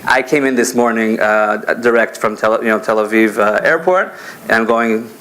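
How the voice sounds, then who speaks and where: A man's voice: fairly low pitch, normal speed, a bit bright, poor audio. A young man moderating a conference panel in a loose, chatty way, with many fillers and restarts. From born in America, grew up in Israel.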